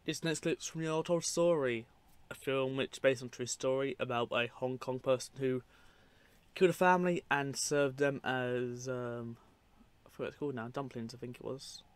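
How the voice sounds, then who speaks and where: A man's voice: mid-range voice, steady tone, normal speed, smooth, no room sound. A man giving casual, unscripted commentary over clips, rambling and matter-of-fact with dry asides. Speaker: narrator of a film clip compilation.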